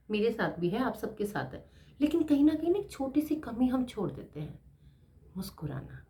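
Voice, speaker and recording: A middle-aged woman teacher giving a casual motivational talk, chatty and animated, laughing often as she talks. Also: a little high.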